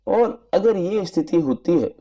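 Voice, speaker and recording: A man giving an earnest, measured spoken movie review in formal wording. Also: sits high, lively intonation, mellow. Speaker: film reviewer.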